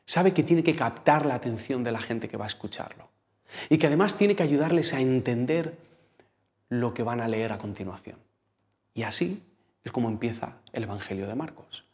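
A man's voice: mid-range voice, animated, normal speed, a little mellow. A man with a Spain Spanish accent preaching a sermon in a conversational, storytelling way, speaking directly to the congregation.

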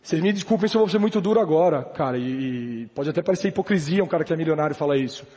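A man from Brazil delivers a motivational talk at a rapid clip, his voice sitting high for a man. He speaks emphatically and conversationally, throwing in slangy asides. The sound carries a long reverb from the large hall he speaks in. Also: expressive, mellow. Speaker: motivational speaker at a business event. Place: large hall with a live audience.

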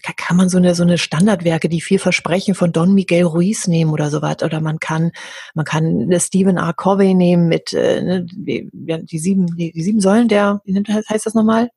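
A middle-aged woman speaking as an interview guest, earnest and animated, who sometimes acts out the voices of other people. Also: fairly low pitch, a little fast, breathy edge, no room sound, clean studio sound. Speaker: interview guest, hypnosis practitioner. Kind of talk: candid conversational interview.

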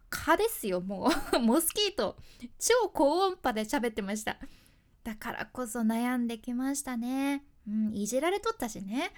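Female voice coach with a Fukuoka accent, fairly high and very animated, a chatty, casual lesson. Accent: Fukuoka dialect. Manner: chatty and expressive, switching between polite and dialect speech. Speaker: voice and speaking coach.

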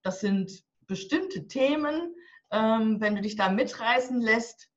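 Her voice is a little high with lively intonation, and she speaks slowly. A divorce coach and author turning 60, she guests on a casual interview, describing her coaching with frankness and humor over slightly dull lo-fi audio.

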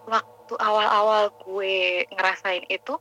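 A woman calling in over the phone, telling a personal ghost story in a halting casual way. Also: medium pitch, level tone, bright, forceful tone, faint music behind, rough recording. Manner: halting, searching for words. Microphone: phone call.

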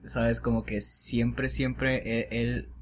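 A man's voice: medium pitch, little pitch movement, takes it slowly, slight background noise. Mexican man, podcast co-host, laid-back, crude slang. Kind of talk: casual chat.

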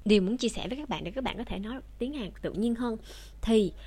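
A woman's voice: fairly high pitch, fast, mellow. A woman teaching a language lesson online, explaining rules patiently and speaking directly to her viewers.

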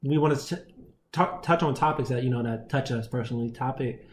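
A man in his twenties co-hosting a podcast, chatting in an animated, joking way. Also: mid-range voice, brisk. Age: 20s. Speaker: podcast co-host. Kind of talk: casual chat. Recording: echoey room, faint background noise.

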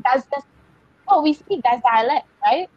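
A woman's voice: high voice, animated, normal speed, lo-fi sound. A woman with a Trinidadian accent chatting casually on a podcast, telling stories with hesitant restarts.

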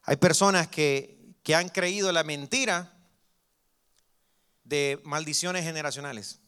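A young man preaching a sermon as pastor, telling stories lively and acting out the dialogue. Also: on the high side, measured pace, clean tone. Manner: lively storytelling that acts out dialogue.

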